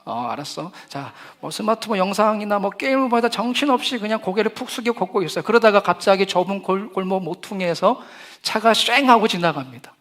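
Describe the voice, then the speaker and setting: A middle-aged male pastor delivers a lively sermon in a high voice. He mixes humor with acted-out quotes to reach his young listeners. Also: a little fast.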